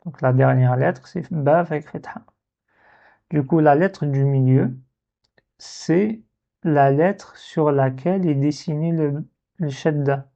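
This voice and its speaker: A man's voice: fairly high pitch, slow pace, creaky, mellow. A man teaching a reading lesson step by step, patiently repeating syllables to demonstrate pronunciation. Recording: dull, muffled lo-fi recording.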